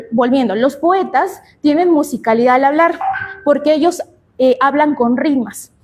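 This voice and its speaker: A woman's voice: sits high, a little mellow. A young Peruvian woman giving a conference talk on public speaking, asking rhetorical questions and answering them herself. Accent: Peruvian Spanish. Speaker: speaker at a regional congress.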